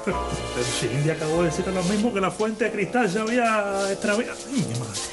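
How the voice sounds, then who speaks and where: A cheeky Cuban sidekick teases and mocks his friend in a sitcom scene. His voice is quite high for a man, with clear music underneath. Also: very animated, a little fast. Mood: teasing. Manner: teasing, mocking. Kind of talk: TV sitcom acting.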